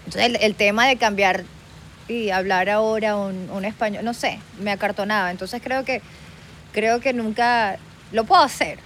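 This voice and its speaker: A Venezuelan woman co-hosting a casual podcast chat, animated and slipping English words into her Spanish. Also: medium pitch, moderate pace, slight background noise. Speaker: podcast co-host.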